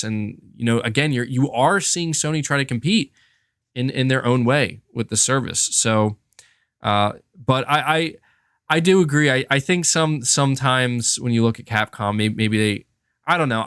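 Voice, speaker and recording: A man hosts a gaming podcast, answering chat comments in casual commentary. His mid-range voice is lively and a bit bright at normal speed, and he speaks emphatically, repeating words to drive points home. The studio-quality recording has no echo.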